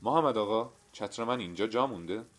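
A man's voice: on the low side, natural voice. A man voicing a flustered, forgetful middle-aged clerk who pleads and scolds himself in an audio story. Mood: polite, worried. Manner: agitated, pleading and self-scolding.

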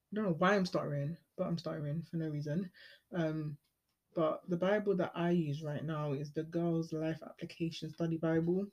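Late-teen woman, relaxed solo podcaster, chatty and meandering, corrects herself often. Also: low-pitched. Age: late teens. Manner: chatty, rambling, many ums and self-corrections. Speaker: podcast host. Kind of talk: casual solo podcast monologue.

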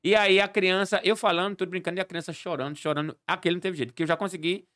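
A man, a clown and party entertainer, telling animated stories as a podcast guest and acting out the dialogue. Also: high voice, very fast, no room sound, clean studio sound. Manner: animated storyteller acting out dialogue, laughing often.

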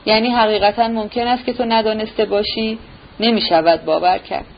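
A woman's voice: mid-range voice, fairly even intonation, vocal fry, natural voice. A woman voicing a brooding, jealous young man who speaks bitterly and sarcastically, in a dull recording with a faint hiss. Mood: sarcastic.

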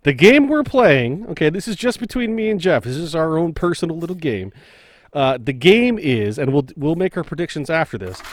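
A man's voice: fairly high pitch, very animated, a little fast, no echo. A man co-hosting a show with casual, playful banter and informal, slangy talk.

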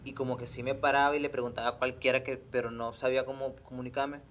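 Fast-talking man in casual chat. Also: mid-range voice, level tone, fairly bright tone, a little hiss or hum. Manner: quick, conversational, chimes in to finish the other speaker's thoughts.

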